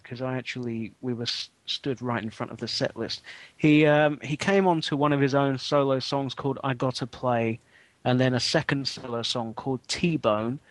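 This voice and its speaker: In a casual podcast chat, a male co-host with a medium-pitched voice, recorded with no room sound, tells a wry story. He's chatty and leans heavily on fillers like um.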